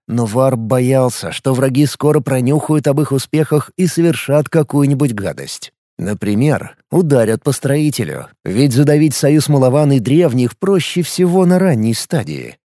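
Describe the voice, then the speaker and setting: A man narrating a science-fiction audiobook in measured, scripted storytelling. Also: mid-range voice, expressive, mellow, no echo, studio quality.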